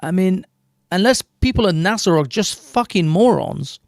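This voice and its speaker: A British man with a gravelly, fry-laden voice argues his point on a livestream and chuckles at his own remarks. His voice sits a little high, and the close mic sounds dry. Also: animated, normal speed, no echo. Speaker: livestream host. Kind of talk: casual commentary.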